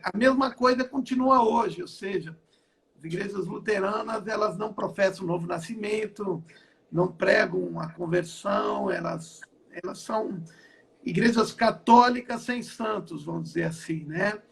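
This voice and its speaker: In a high voice with vocal fry and at normal speed, an older man from southern Brazil, an apostle and pastor, tells his testimony. The online interview takes place at his home, and he repeats and restarts phrases as he goes.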